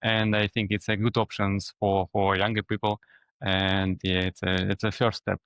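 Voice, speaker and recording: A man hosting a casual interview, asking questions haltingly with repeated words and loose grammar. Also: lowish voice, flat delivery, fairly bright tone, clean tone, no echo. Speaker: interview host.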